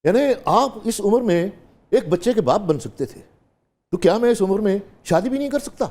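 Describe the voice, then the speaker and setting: A man's voice: high-pitched, animated, darkish tone, pitched above the performer's own voice. A man voicing a defiant young son who confronts his father in a drama scene, speaking in a heated, raised voice.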